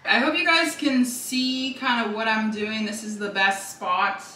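A woman's voice: on the high side, fairly even intonation, unhurried, bright, forceful tone. A young woman casually narrating a cook-along in her home kitchen, chatty and thinking aloud as she goes. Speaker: cooking vlogger. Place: home kitchen with sizzling pan. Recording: echoey kitchen, faint noise.

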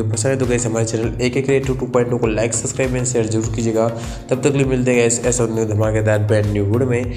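Mellow-voiced man narrating game update. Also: lowish voice. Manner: filler-heavy, repeats "guys" often. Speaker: gaming channel host. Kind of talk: game update review voice-over. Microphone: voice-over over screen recording. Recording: echoey room with faint background music.

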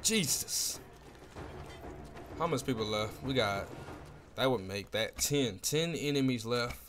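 A young man giving casual, slangy commentary over his own gameplay, excitable, with hype reactions and playful trash talk. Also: mid-range voice, moderate pace, background noise. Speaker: gaming video creator.

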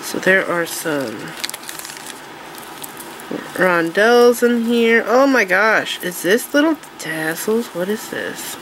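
Showing off craft supplies at an indoor table while an overhead camera films her hands, a woman speaks in a congested, nasal voice caused by allergies. She's animated and slow, with a mid-range voice, chatty and eager, sprinkling in fillers and restarts during this casual show-and-tell. The background is noisy.

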